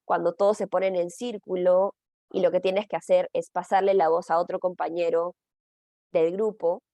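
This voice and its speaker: With a lowish voice and a darkish tone, a middle-aged teacher trainer chats her way through explaining a training session. The recording is dry, and she keeps checking in with her listeners, leaning on fillers and tag questions.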